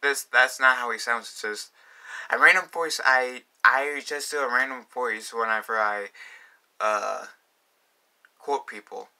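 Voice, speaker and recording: A man's voice: mid-range voice, measured pace, creaky, bright, forceful tone. A young man talking casually in a fan vlog, rambling with many fillers and restarts. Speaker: vlogger.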